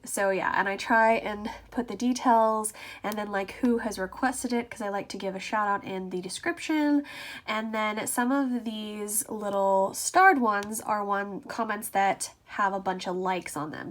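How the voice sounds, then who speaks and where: An ASMR video creator and vlogger with a middle-pitched, fairly bright voice talks casually to her viewers. She explains things informally and conversationally, like a behind-the-scenes vlog.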